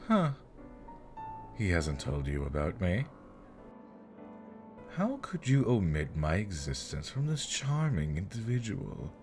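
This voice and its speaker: In an ASMR fantasy roleplay, a man uses a low, exaggerated voice to play a smug, teasing elder demon nobleman. He sounds amused and mocking, with mocking politeness and flirtatious charm.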